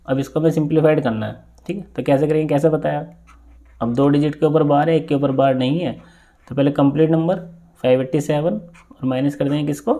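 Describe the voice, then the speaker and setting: Guy teaching maths for exams, mellow voice, keeps checking u got it. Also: a little high, brisk. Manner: steady step-by-step explaining with frequent check-in questions. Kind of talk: exam-prep maths lesson.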